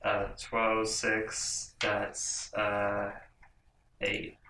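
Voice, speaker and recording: A man's voice: lowish voice, monotone, very slow, roomy sound, far from the mic, background noise. A man playing a tabletop role-playing game, talking casually with lots of hesitant stammers and restarts. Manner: hesitant, stammering, self-amused. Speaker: player.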